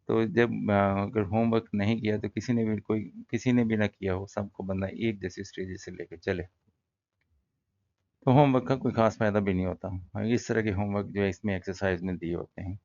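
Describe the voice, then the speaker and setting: A man teaching an English lesson in a relaxed, conversational way, explaining words and pausing often with fillers. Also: lowish voice, dry recording, lo-fi sound. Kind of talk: casual classroom-style lesson.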